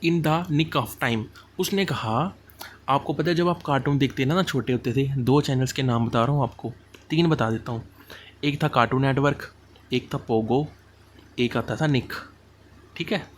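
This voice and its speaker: A man teaches exam idioms in a relaxed, chatty lecture, mixing Hindi and English and spelling out meanings through everyday examples. His voice sits at an ordinary middle pitch. A faint hiss of background noise runs under the recording. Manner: explains idioms with homely examples, slow at English phrases.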